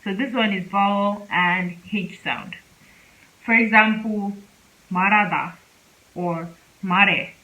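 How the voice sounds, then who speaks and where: A woman teaching a casual spoken lesson, speaking slowly and repeating example words several times. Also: mid-range voice, pushed and bright, lo-fi sound. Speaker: Korean language teacher.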